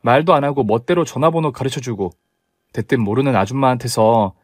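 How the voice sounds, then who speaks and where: A man voicing a sharp, indignant young woman who scolds her fiancé in a storybook tale. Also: medium pitch, fairly quick, no echo, clean studio sound, close to an everyday voice. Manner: scolding, demanding.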